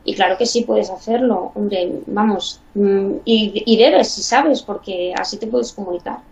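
A woman's voice: medium pitch, a little slow, gravelly, darkish tone. A woman from Spain with a Spanish accent, a guest chatting in an interview and thinking aloud with "mm" and "pues". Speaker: guest, bilingual parent. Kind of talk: casual interview. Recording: distant, dull lo-fi mic.

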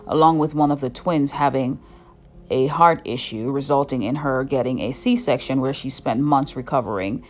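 A woman reading a serious scripted narration in a measured tone. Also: a bass voice. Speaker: commentary vlogger.

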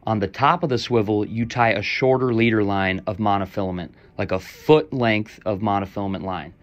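A man's voice: fairly low pitch, normal speed, highs cut off. Young man explaining a fishing rig. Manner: relaxed, instructional, easygoing. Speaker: fishing vlog host.

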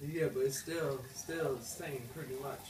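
A man's voice: medium pitch, steady tone, moderate pace. Guy chatting casually in a challenge vid, far from mic, roomy sound. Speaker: challenge participant. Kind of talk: casual chat during a challenge video. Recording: very noisy, roomy, distant mic.

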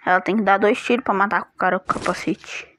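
A man with a Brazilian accent and a high, light voice calls out a shooter match as he plays. He trash-talks rivals and grumbles about his connection. Loud game gunfire rattles beneath his voice. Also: steady tone, fast, a little hiss or hum. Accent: Brazilian Portuguese. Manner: trash-talking, complaining about lag. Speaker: gamer streamer. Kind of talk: live gameplay commentary.

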